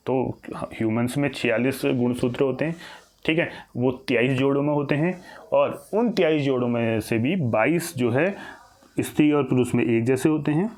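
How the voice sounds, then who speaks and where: A man's voice: medium pitch, a little mellow. A man teaching a recorded exam-prep lesson. He asks questions and answers them himself, often restarting and repeating phrases.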